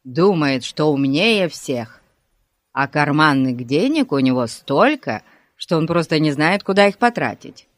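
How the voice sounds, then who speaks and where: Boy Pip, hushed gossip, read by narrator, dry recording. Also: mid-range voice, sing-song, unhurried, no echo. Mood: confiding. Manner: confiding, hushed. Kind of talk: audiobook character voice.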